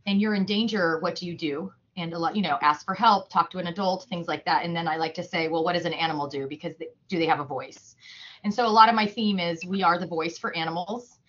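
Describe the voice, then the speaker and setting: A woman who is a humane educator at an animal shelter chats casually in an interview, full of fillers and restarts. Her voice sits on the low side, sounding pushed and bright, in dull audio.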